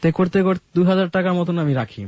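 A man telling his life story in a casual radio conversation, halting, with many fillers and restarts. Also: high-pitched, darkish tone, dry recording. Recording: dull lo-fi radio studio sound.

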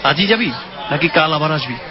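A man's voice: on the high side, expressive, a little fast, a crowd in the background, natural voice. An actor playing a curious, questioning young man exploring a mystery with friends in an audio drama. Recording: muffled lo-fi with background noise.

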